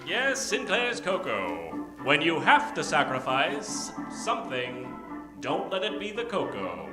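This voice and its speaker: In the style of old-time radio, a male announcer improvises theatrical narration at a measured pace. His voice is a little high and swings hugely in pitch. The recording has a roomy stage sound with music playing behind him.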